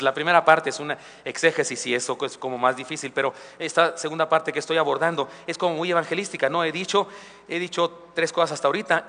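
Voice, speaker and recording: Pastor preaching in a reverberant hall. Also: male voice, a little high, pushed and bright. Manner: conversational preaching, with asides and humor. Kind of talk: sermon. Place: church sanctuary. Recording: live church recording with long hall reverb.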